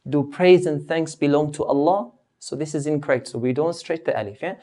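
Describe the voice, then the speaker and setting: A man's voice: a little high, warm tone. Patient man teaching Quran recitation. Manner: patient, repeats and slowly demonstrates each sound. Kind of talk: recorded tajweed lesson.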